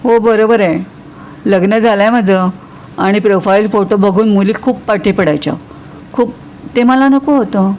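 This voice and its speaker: A woman voicing a calm, evasive young married man who answers in a cool, matter-of-fact way. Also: medium pitch, moderate pace, lightly acted.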